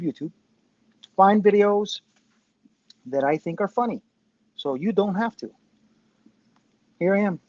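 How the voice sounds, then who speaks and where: A man in his fifties whose voice comes through tinny and muffled, as if from inside a tin can, over a phone mic with the room sounding dead and dry. He rambles loosely, pokes fun at himself and swears freely. His fairly high voice swoops up and down a lot. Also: no room sound. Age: 50s. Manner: rambling, self-mocking, swears casually. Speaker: live-stream show host. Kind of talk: casual live-stream commentary. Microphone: phone with Bluetooth headphones.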